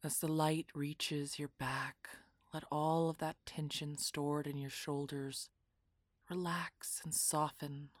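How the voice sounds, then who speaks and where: A woman guiding a relaxation meditation in a soft, half-whispered, soothing voice. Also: sits low, level tone, slow, dry recording, studio quality. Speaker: meditation guide.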